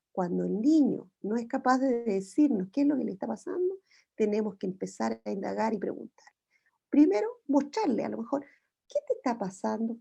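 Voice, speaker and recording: A Chilean psychologist gives an online parenting talk over a video call, explaining step by step with frequent rhetorical tag questions. Her voice is a little high, creaky, and darkish in tone.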